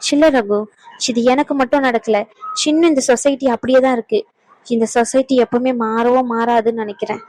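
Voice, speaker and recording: An actress playing a troubled young married woman who speaks softly and earnestly. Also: fairly high pitch, steady tone, a little fast, a little hiss or hum, close to an everyday voice, rough recording. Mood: hurt. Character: sad young married woman, hurt and doubting. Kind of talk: family drama acting.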